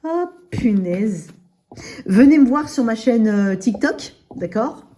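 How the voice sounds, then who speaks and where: Mellow-voiced woman talking with braces in. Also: fairly high pitch, animated, slow. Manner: speaks with dental braces in, slightly slurred articulation; addresses listener directly with frequent check-in tags. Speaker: tarot reader. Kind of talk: casual intimate tarot reading.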